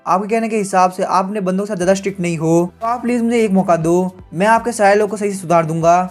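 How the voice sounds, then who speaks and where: A cocky young prince who taunts and lords it over everyone, read out by a man. The voice sits high and the words come fast and clipped, with faint music underneath. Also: close to an everyday voice. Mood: smug. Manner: smug, taunting. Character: arrogant young male prince, god's disciple.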